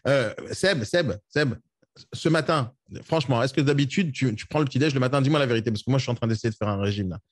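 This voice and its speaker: Guy talking super fast, blunt coach tone, very dry sound. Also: mid-range voice, no room sound. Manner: blunt, scolding, rapid-fire. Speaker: real estate coach. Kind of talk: live coaching session.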